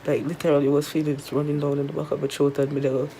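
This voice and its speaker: Jamaican woman, sore-throated after tonsil surgery, mellow. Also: sits low, flat delivery, rapid-fire, a little hiss or hum. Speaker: vlogger. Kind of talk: casual chat to viewers. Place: resting at home in bed.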